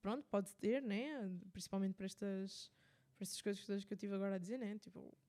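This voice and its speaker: A radio host with a European Portuguese accent, her voice mellow and warm at a middle pitch. She explains things casually, searching for words as she goes and restarting her sentences often. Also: fast talker. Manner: thinks aloud with many fillers and restarts. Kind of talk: casual spoken commentary.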